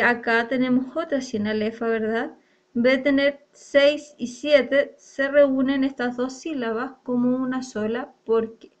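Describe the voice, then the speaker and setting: A woman's voice: high-pitched, muffled recording. A woman teacher explaining a lesson step by step, often checking in with her students. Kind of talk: online class lesson on poetic meter.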